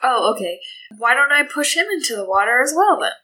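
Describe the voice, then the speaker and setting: A woman's voice: a little high, big pitch swings, a little fast, pushed and bright, rough recording. A woman chatting casually as a player in a tabletop game, informal and inquisitive.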